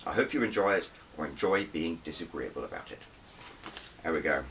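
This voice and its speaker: An author narrates his own book in the first person, wry and conversational with dramatic emphasis. His low voice is expressive and brisk, but he sits far from the mic amid a noisy background.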